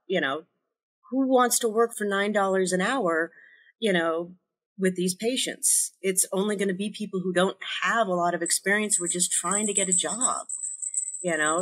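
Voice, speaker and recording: A woman from Chile, a podcast guest talking in an earnest, measured way in casual conversation. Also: medium pitch, fairly bright tone, slightly rough. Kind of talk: casual interview chat.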